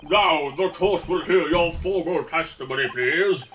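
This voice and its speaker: A man voicing a grave, authoritative judge in a courtroom video game, formal and measured. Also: on the high side, fairly bright tone, faint music behind.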